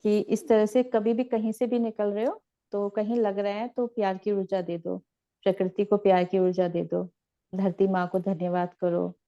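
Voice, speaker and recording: A woman teaching meditation in a gentle, repetitive, instructive way. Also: medium pitch, little pitch movement, moderate pace, dull audio. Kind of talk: guided spiritual teaching.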